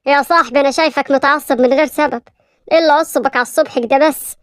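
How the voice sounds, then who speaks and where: A woman's voice: high-pitched, rapid-fire, no room sound. Raed, a woman doing a teasing young friend. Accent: Egyptian Arabic. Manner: joking, calming.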